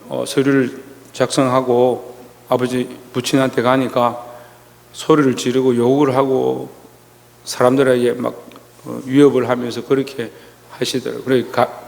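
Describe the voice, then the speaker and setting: A male pastor giving a Sunday sermon, telling a personal story slowly with many pauses and restarts. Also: mid-range voice, creaky, a little mellow, big-room sound, a little hiss or hum. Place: church sanctuary.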